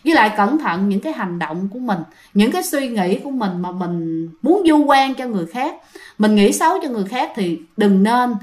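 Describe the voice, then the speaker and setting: Southern vietnamese woman telling ghost stories, chatty, talks right to the listeners, a bit high. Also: expressive, brisk, a little mellow. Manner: chatty, addresses listeners directly. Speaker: storyteller host. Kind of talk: conversational ghost-story narration.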